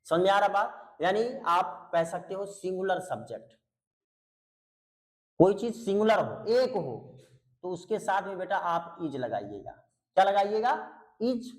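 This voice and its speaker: A very animated English teacher with a high-pitched male voice speaks a little slowly, pausing often, as he teaches grammar online in Hindi with pronunciation. Repeating key words, he questions his students and affectionately calls them beta, always patient. The recording is rough.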